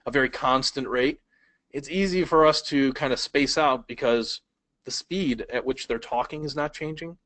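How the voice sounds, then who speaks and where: A man teaching an online webinar from his laptop in a conversational way. He asks the audience questions and keeps changing his speed and loudness for emphasis. His voice sits at an ordinary male pitch, and the recording is dry, with no echo. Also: moderate pace. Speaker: speed reading instructor. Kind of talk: webinar lesson. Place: indoors at a laptop.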